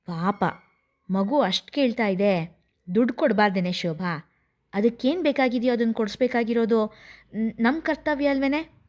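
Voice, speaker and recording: A woman doing a gentle old grandmother. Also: on the high side, moderate pace, long pauses, close to an everyday voice. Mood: tender. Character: elderly grandmother, tender and tearful.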